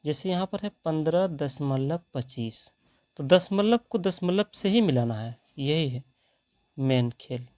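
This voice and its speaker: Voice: mid-range voice, lively intonation, measured pace, darkish tone, no room sound. Math teacher, walks thru each step, keeps asking what comes next. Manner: talks through each step, asking rhetorical questions.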